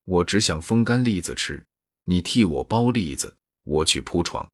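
A man's voice: deep voice, animated, normal speed, slightly rough, dry recording, studio quality. A man reading as a wry young maid. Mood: reproachful. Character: young maid, gentle but sharp-tongued.

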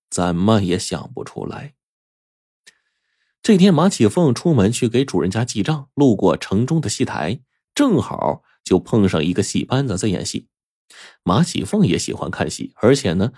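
A man telling a folk tale in an expressive, lively way, speaking close to the mic. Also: fairly low pitch, moderate pace, slightly rough, no room sound. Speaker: storyteller. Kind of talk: oral storytelling.

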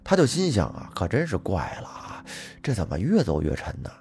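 A man telling a folk tale in a lively, colloquial manner with plenty of fillers. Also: on the low side, a little fast, creaky, breathy edge. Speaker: storyteller. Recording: faint music behind.

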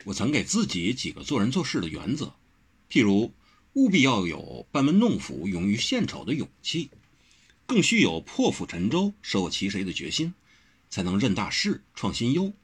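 A man voicing a gentle, self-deprecating young swordsman in a martial-arts story. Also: mid-range voice, wildly swooping pitch, moderate pace, husky, full character voice. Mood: modest. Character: modest good-natured young male swordsman.

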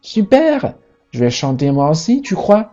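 A man voicing an excited little male monkey in a storybook, with an eager, high, chirpy way of talking. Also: unhurried, creaky, highs cut off, faint music behind.

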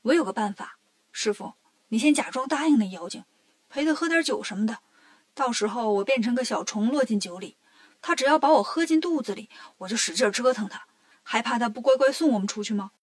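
A woman voicing a cheeky, clever male monkey king in a storybook reading, talking in a brisk, joking way. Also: on the high side, animated.

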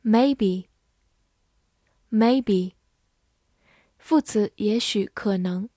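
A woman English teacher reading a vocabulary drill, saying each word twice in a measured way before giving its meanings. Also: mid-range voice, warm tone, no room sound, clean studio sound.

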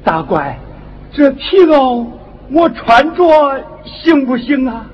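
A man's voice: very high-pitched, sing-song, slow pace, a little hiss or hum, heavily acted. An actor playing an old father caught between his children, hesitant and fretful, in Henan opera stage acting. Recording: dull lo-fi stage recording.

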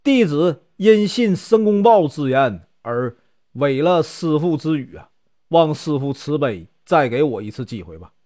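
A man's voice: a little high, big pitch swings, measured pace, a little mellow. A man voicing a proud young prince who scoffs at danger and then begs his master to spare him. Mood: pleading. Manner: pleading, then boastful. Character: proud young prince turned pleading and desperate.

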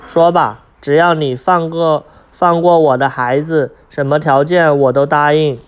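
A man's voice: fairly high pitch, fairly even intonation, unhurried, clean tone, close to an everyday voice. A man voicing a desperate mother crow who pleads tearfully for her chicks in a storybook reading. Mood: pleading.

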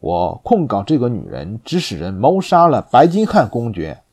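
A man's voice: medium pitch, big pitch swings, darkish tone, breathy edge. A man doing a stern vengeful lord. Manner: firm, heavy and measured.

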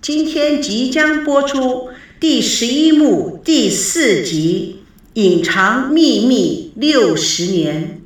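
A woman narrating a serialized audiobook in slow, measured storytelling. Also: a little high, animated, husky, no echo.

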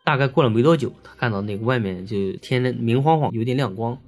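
Male storyteller, quick chatty delivery, filler-laden casual ghost tale. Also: mid-range voice, soft background music. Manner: chatty, filler-heavy, lively.

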